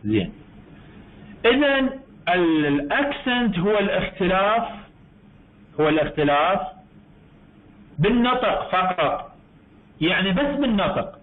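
A high-voiced man with an Iraqi Arabic accent gives a university English lecture over a tinny online call. He explains things slowly, repeating himself and correcting his own words as he goes. The sound is thin and narrow, like a phone line. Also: big pitch swings.

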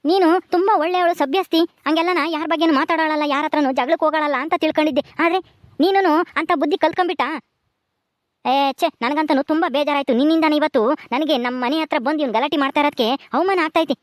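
A woman's voice: sits high, no echo, studio quality, lightly acted. A woman as a reproachful village headman. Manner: reproachful, measured scolding. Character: respected middle-aged village headman, disappointed.

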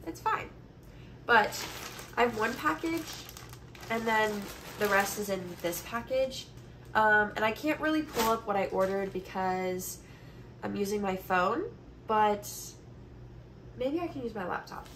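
Allergies leave this woman in her twenties sounding congested as she vlogs a casual haul from her bedroom. Her medium-pitched voice has lively intonation, unhurried with long pauses, and the phone recording, made at about arm's length or further, carries noticeable background noise.

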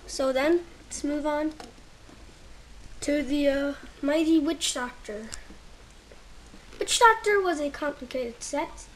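A high-voiced toy reviewer talks casually at home, pausing often to find her words and sometimes almost whispering as she handles pieces. A handheld camera held close records her, with slight background noise.

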